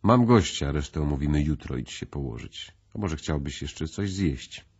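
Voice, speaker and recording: A man reading the lines of a cool, composed host who asks pointed questions with icy calm. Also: rumbling low, normal speed, breathy edge, muffled recording, full character voice. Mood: coolly calm. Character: cool composed male host, calmly probing.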